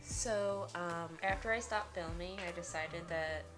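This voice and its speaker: A woman's voice: on the low side, a little slow, music in the background. A woman giving a casual makeup tutorial as a beauty vlogger, with a lisp that turns her s sounds slushy, like sh.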